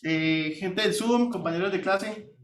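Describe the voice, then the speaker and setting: A male teacher with a high voice walks his class through a problem, pausing on rhetorical questions. He sounds distant in an echoing classroom, with a faint hiss underneath. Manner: patient, explanatory, asks rhetorical questions. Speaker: university teacher. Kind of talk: classroom explanation. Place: classroom with hybrid online students. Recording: roomy classroom audio from a distance.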